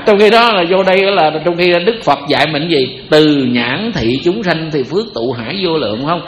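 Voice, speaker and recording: Amid background noise in an echoey hall, a man with a Southern Vietnamese accent gives a Buddhist sermon at a moderate pace. His fairly high voice is expressive, and as a teacher he stays chatty and jokey, asking his listeners rhetorical questions.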